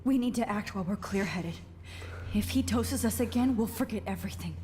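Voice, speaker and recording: A woman playing a determined young student held captive in a video game, speaking with hushed, breathy, protective urgency. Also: medium pitch, a little fast, slight background noise, close to an everyday voice. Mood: urgent resolve. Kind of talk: dramatic video game acting.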